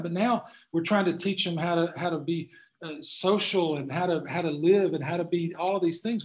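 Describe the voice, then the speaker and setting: Man, class speaker, folksy, emphatic, slightly high voice. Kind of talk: answering questions in a class.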